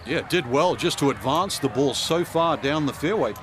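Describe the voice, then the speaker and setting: A man's voice: a little high, animated, moderate pace, background noise, close to an everyday voice. A man giving conversational golf commentary as the analyst in a sports video game.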